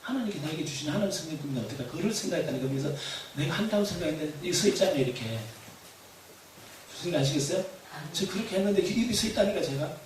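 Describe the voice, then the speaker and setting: A man preaching a sermon as pastor, animated, shouting refrains and laughing as he tells stories. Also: fairly high pitch, racing. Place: church hall. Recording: echoey hall, far from mic, faint noise.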